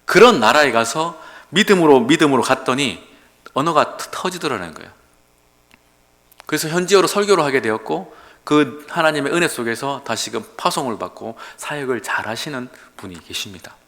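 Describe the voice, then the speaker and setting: A man's voice: mid-range voice, animated, normal speed, fairly bright tone. A male pastor preaching an early-morning sermon in a church, acting out dialogues in a raised, dramatic voice. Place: church sanctuary. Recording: long hall reverb.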